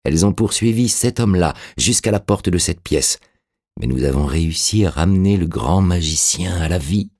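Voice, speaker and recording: A man's voice: deep voice, expressive, moderate pace, a little mellow, no room sound, clean studio sound. A man voicing an intense, commanding male sorcerer-priest who speaks in urgent, insistent exclamations in an audiobook reading. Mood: fervent.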